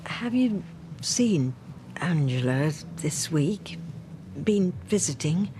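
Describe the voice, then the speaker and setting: An actress playing a kindly, solicitous neighbour in a TV soap. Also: female voice, lowish voice, big pitch swings, slow, noisy background. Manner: gentle, solicitous. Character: kindly, helpful neighbour woman. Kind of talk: TV soap dialogue.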